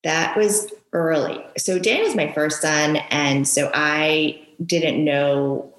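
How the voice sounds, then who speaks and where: A woman guest, a Japanese native speaker raised in New York, talking earnestly with frequent pauses and ums in a casual interview. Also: low voice. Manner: earnest, halting, many ums. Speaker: guest author, parent. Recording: echoey room.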